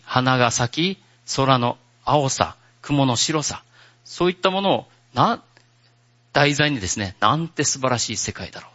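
Gentle, lively-voiced male pastor preaching. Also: medium pitch, muffled recording. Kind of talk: sermon.

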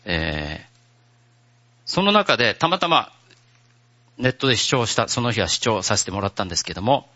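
A man preaching a sermon as pastor, in a gentle, conversational way. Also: fairly low pitch, big pitch swings, normal speed, pauses often, muffled recording.

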